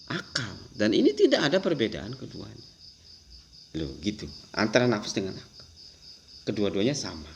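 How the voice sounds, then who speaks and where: Male lecturer, lively and rhetorical, pitch swinging widely, with light background hiss. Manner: animated, rhetorical questions, acts out quoted voices. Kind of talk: Islamic philosophy lecture.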